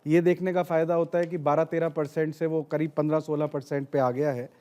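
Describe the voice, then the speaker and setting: A man with a fairly high but mellow voice argues his point as a panelist in a news discussion. He talks in an opinionated way, setting out his own view. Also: flat delivery, brisk. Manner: opinionated, argumentative.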